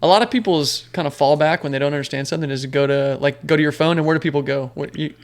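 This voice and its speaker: A man with a somewhat high, gravelly voice talks as a podcast guest. He rambles through stories in a relaxed, chatty way, full of fillers and restarts. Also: fast talker. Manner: rambling storyteller with many fillers. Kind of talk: casual conversation.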